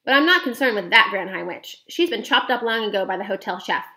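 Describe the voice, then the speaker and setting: A woman voicing a feisty, forceful old grandmother. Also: mid-range voice, animated, fairly quick. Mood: determined. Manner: forceful, emphatic. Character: bold, feisty old grandmother witch hunter.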